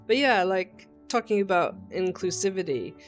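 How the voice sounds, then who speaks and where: A woman's voice: lowish voice, animated, moderate pace. Chatty young woman streaming a cozy game. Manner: chatty, easily charmed, light laughs. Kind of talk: casual gameplay chat, reading game dialogue aloud. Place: home streaming setup. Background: faint game music.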